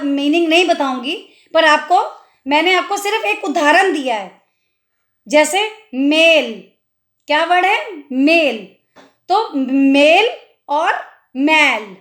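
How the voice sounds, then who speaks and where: A woman with a very high, bright voice teaches Hindi in a slow, unhurried way. She draws each word out syllable by syllable and patiently asks her viewers questions. The sound is echoey, as if recorded in a bare room. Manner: drawn-out syllable-by-syllable pronunciation of words. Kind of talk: children's language lesson.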